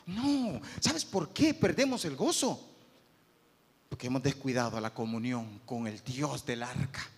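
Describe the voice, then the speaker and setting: A man preaching a sermon, switching from hushed asides to loud, rousing calls and acting out churchgoers. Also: mid-range voice, unhurried, slightly rough. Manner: animated preaching, swings from soft to loud, acts out churchgoers. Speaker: pastor. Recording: long hall reverb.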